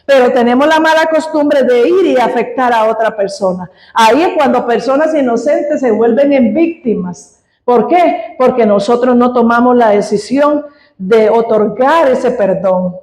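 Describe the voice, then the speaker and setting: A woman's voice: a little high, unhurried, a little mellow, echoey room, rough recording. A woman preacher giving a sermon in an easygoing, conversational teaching manner, often checking in with the congregation. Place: church hall.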